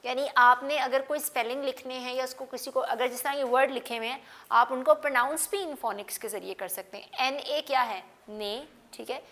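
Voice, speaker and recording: A woman's voice: high voice, steady tone, fairly quick, a bit bright. A woman teaching an English phonics class, spelling words out letter by letter and mixing Hindi-Urdu with English. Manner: calls out to students by name.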